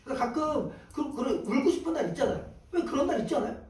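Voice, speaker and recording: A male teacher giving a classroom lecture. He asks questions and answers them himself in a lively way. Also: extremely high pitch, fast talker. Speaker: Korean exam prep teacher. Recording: echoey room from a distant mic.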